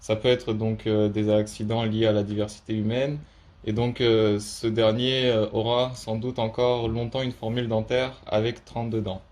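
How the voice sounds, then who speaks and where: A young man giving a prepared student presentation in a halting way, with very frequent hesitations. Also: fairly low pitch, level tone, darkish tone.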